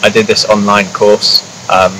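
Sitting in a grassy field, a young adult Kiwi engineering student chats as a guest in a laid-back interview, his low voice unhurried and meandering, peppered with "like" and "kinda". Steady outdoor sound hums behind him.

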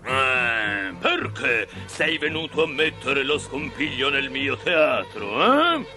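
A man voicing a huge bearded puppet master, gruff and booming, talking slowly. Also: big pitch swings, over music. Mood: thundering. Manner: booming, slow, growling.

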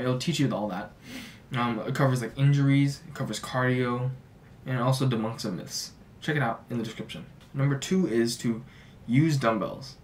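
Young male fitness vlogger, relaxed filler-heavy delivery, mic a bit distant, faint hum. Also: mid-range voice. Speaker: fitness YouTuber. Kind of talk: casual talking-head advice. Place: small home office, indoors.

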